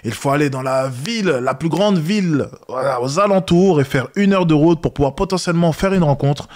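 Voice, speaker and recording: A man's voice: on the high side, fairly quick, darkish tone. A man hosting a reaction video, commenting and coaching his viewers directly.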